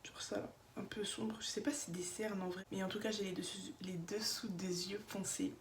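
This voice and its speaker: A woman's voice: mid-range voice, steady tone, moderate pace. A young woman with a slight lisp and slushy s sounds, chatting casually and slangily as she gives opinions in a makeup vlog. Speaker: beauty vlogger. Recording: echoey room with faint background noise.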